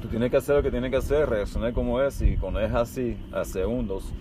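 A man raised in the United States, a skydiving guest in a casual interview, talking in a calm, matter-of-fact way and mixing in English words. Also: medium pitch, brisk. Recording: noisy outdoor street recording.

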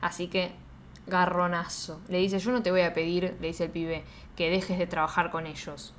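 Woman, Argentine accent, casual film recap, slangy, animated. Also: lowish voice, moderate pace, slight background noise. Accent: Argentine Spanish. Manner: slangy, animated, laughing retelling.

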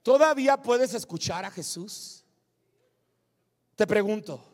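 A male pastor preaching a sermon, moving between shouted climaxes and hushed asides. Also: high-pitched, expressive, slow pace, in a large hall. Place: church sanctuary with congregation.

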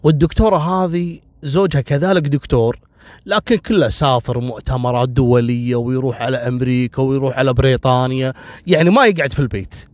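A man's voice: medium pitch, quick pace, no echo. A man telling a family story casually, with emotional asides.

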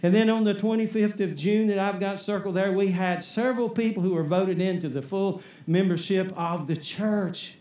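High-pitched emphatic preacher man. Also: steady tone, normal speed, few pauses, dark tone. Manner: emphatic, call-and-response preaching with "Amen?". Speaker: pastor. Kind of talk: sermon. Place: church. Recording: echoey church sanctuary.

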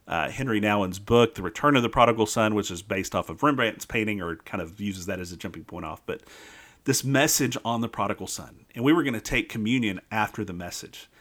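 Earnest man, lowish voice. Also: a bit bright. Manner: earnest storytelling, slowing down on key phrases. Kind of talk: devotional Bible talk.

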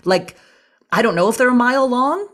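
A woman casually telling a funny story in a chat, animated and acting out quoted lines. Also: fairly quick. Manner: animated, acts out quotes in a high voice.

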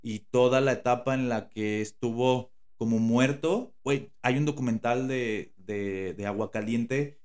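A man's voice: mid-range voice, unhurried, hardly any pauses, a little mellow. A man with a Mexican Spanish accent co-hosting a podcast in casual chat, slangy and rambling, with many fillers and restarts. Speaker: podcast co-host.

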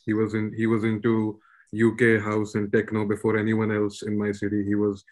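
A man in his thirties from Pakistan, a rapper calmly telling his story on a podcast, English not his first language. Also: lowish voice, normal speed. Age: 30s. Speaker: rapper guest. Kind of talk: casual podcast chat.

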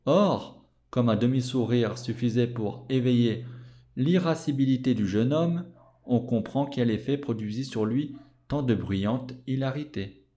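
A man hosting a podcast, reading a classic novel aloud in a measured, expressive storytelling manner. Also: mid-range voice. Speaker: podcast host and audiobook reader. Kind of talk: audiobook reading.

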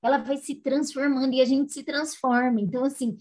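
A woman's voice: high-pitched, fairly even intonation, a little fast, darkish tone, rough recording. A woman host talking in a chatty, reflective way. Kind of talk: casual chat.

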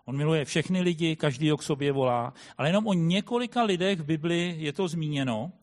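A man preaching a sermon in a thoughtful way, often pausing with hesitant fillers as he explains. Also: fairly high pitch, expressive. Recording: long hall reverb.

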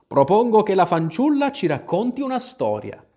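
A man's voice: sits high, wildly swooping pitch, normal speed, mellow, husky, pitched above the performer's own voice, exaggerated voice. A man voicing a bored but cordial female hare in a storybook reading, with an airy, sing-song manner.

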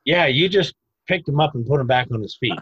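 Husky, emphatic man explaining techniques. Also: medium pitch, fairly quick, no room sound, lo-fi sound. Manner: emphatic, animated explaining with bursts of mock shouting. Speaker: self-defense instructor. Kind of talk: conversational podcast interview.

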